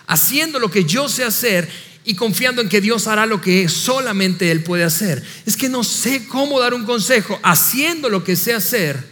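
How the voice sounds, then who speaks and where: A man with a high voice preaches an animated sermon, voicing doubting listeners in quick asides. His voice carries a long hall reverb. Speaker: pastor.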